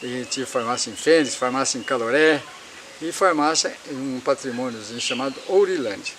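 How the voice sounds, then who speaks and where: A man's voice: medium pitch, moderate pace, background noise. A man in his seventies from Paraná, Brazil, telling his life story in a rambling way and repeating himself. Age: 70s.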